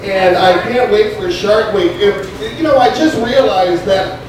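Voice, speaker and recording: A young man with a high-pitched voice performs open-mic stand-up in a Mexican restaurant before a live crowd, rambling and stumbling with many fillers as he acts out a stoned, scatterbrained waiter. The room is very echoey, the mic distant, and crowd noise is audible.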